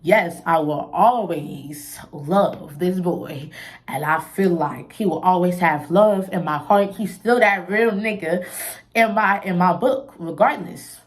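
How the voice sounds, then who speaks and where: Candid young woman, lowish voice. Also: slow. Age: young adult. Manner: candid, expressive, peppers talk with "you feel me"; swings between soft low musing and bright laughing outbursts. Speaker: vlogger. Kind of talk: casual personal vlog talk.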